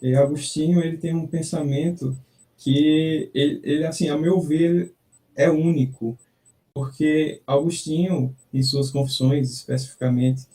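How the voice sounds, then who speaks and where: A man, a guest in a casual conversation, speaking thoughtfully and haltingly over a video call with a strong echo. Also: on the high side, fairly even intonation, dark tone. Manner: thoughtful, halting, repeats words while searching. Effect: strong echo from the call audio. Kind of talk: casual conversation about philosophy. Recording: echoey, distant video call audio.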